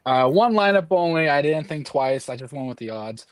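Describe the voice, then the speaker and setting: Male co-host, slightly high, very animated pitch, dry close sound, teasing and quick. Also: dry recording. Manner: teasing, talks while working. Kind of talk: casual live-stream chat.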